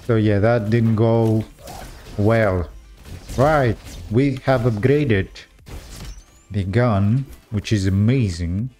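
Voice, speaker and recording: A young man giving casual gameplay commentary, talking straight to his viewers with frequent excited exclamations. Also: lowish voice, slow pace, pauses often, soft background music.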